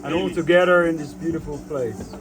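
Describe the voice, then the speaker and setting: A man hiking in the mountains, speaking in a slow, halting, admiring way. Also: fairly high pitch, music in the background, rough recording. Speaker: fellow hiker. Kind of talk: casual remarks on a hike.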